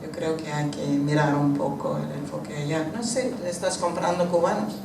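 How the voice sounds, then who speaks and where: A man's voice: fairly high pitch, fairly even intonation, normal speed, a loud crowd. A man speaking spontaneously in a panel discussion. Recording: echoey, distant, noisy room.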